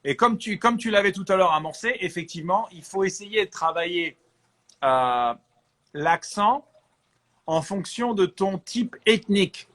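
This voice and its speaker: A man from France, an actor, chatting as an interview guest and giving lively advice. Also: high voice, a little slow. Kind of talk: casual interview chat.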